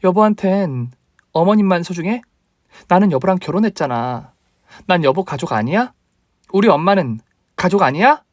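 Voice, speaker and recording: Man doing a high-voiced spoiled young wife, nagging, scornful, dry close sound. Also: animated, normal speed, long pauses, no echo. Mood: whining. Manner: whiny, accusing, nagging. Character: demanding selfish young wife, shrill and scornful. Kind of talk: story radio acting.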